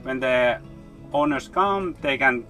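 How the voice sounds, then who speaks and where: A man's voice: mid-range voice, lively intonation, slow pace, sharp tone. A man from Finland, a native Finnish speaker, talking casually in English as an interview guest. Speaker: interview guest, fiction writer. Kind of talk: casual conversation. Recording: guitar music in background.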